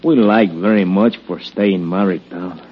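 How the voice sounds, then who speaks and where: Actor doing a humble shopkeeper, low, broken English, muffled old radio. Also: normal speed, a little hiss or hum, lightly acted. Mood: worried. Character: humble Mexican immigrant shopkeeper, male. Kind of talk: 1940s radio acting. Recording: dull old radio recording.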